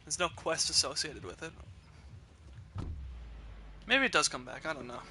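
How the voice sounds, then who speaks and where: A man's voice: on the high side, lively intonation, normal speed, bright, forceful tone, slight background noise. A young man casually chatting while streaming a game, rambling and tripping over his words.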